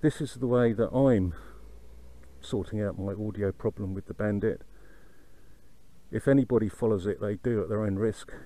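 A man's voice: on the low side, moderate pace. A man giving casual commentary while riding, speaking into a microphone inside his motorbike helmet, as over a helmet intercom. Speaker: motorcycle vlogger. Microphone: foam-covered microphone in helmet cheek pad. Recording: loud wind, engine and road noise.

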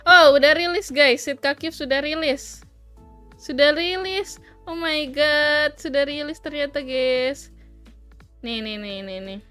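Chatty high-voiced woman streamer. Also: a little slow, a bit bright, faint music behind. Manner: chatty, giggly, reads chat aloud; playful, teasing, mixes in English. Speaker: livestream host. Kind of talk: casual chat.

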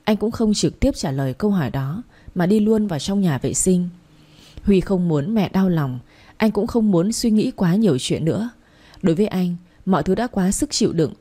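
A woman with a Vietnamese accent tells a late-night story in a low, mellow voice with a husky edge. Her reading is soft and unhurried, an audiobook narrator who voices every part herself. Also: expressive.

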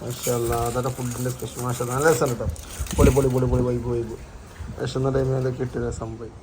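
A man's voice: medium pitch, level tone, fast talker. Casual Malabar Malayalam male vlogger mixing in English. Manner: informal, exclamatory, repeats slang words. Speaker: family travel vlogger. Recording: noisy handheld vlog with background ambience.

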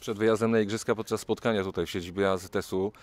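Middle-aged man, lower voice, rambling questions. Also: steady tone, fast talker. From Poland. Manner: long rambling questions with repetitions. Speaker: radio reporter. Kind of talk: interviewing. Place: outdoor athletics stadium. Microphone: handheld mic.

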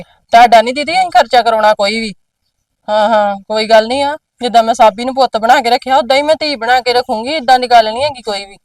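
A woman's voice: on the high side, no room sound, distant mic, natural voice. A woman playing a domineering, scheming mother in a drama who scolds her elderly mother sharply, recorded dry and a little away from the mic. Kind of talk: amateur drama acting.

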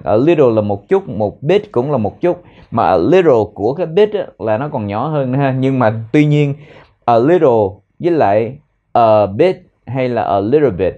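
A man with a Vietnamese accent teaching an English lesson, repeating words slowly to drill pronunciation. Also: medium pitch, mellow, dull audio. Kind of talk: language lesson explaining phrases.

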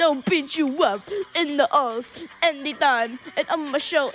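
A woman voicing a smug cartoon chef who trash-talks brashly in a homemade comedic rap battle. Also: high-pitched.

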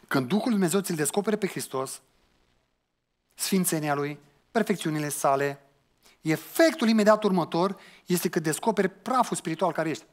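Male pastor, higher register; earnest sermon delivery, challenging and conversational. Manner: earnest, questioning the listeners, colloquial asides.

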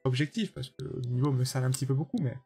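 A man's voice: medium pitch, fairly even intonation, quick pace, creaky, dark tone, breathy edge, soft background music. A man live-streaming a game, chatting casually with his viewers and judging their levels bluntly. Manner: chatty, judges viewer levels bluntly, answers chat by name. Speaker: streamer playing a level-making platform game.

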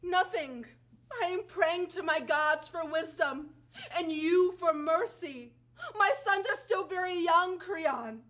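A woman's voice: very high voice, slow pace, fairly bright tone, exaggerated voice. A young woman acting a wronged, vengeful foreign princess on stage, speaking with impassioned, tearful bitterness. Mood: pleading. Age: young adult. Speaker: student stage actor.

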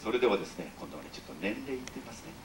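In a ship's concert hall, a middle-aged man with a fairly low, expressive voice leads the audience in a call-and-response sing-along, talking rapid-fire. Jokey and exaggeratedly polite, he teases the crowd between songs. The live recording is roomy and distant, with instrumental music in the background.

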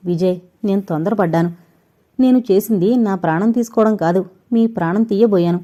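Woman reading a distraught young woman, pleading, tearful, mellow tone, audio novel. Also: medium pitch, fairly quick, muffled recording, close to an everyday voice.

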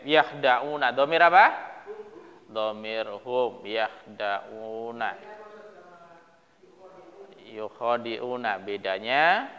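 An Indonesian man teaching Arabic grammar in a classroom, calling on students by name and chanting verses slowly. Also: medium pitch, sharp tone, in a large hall, dull audio. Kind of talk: classroom lesson drilling verb forms.

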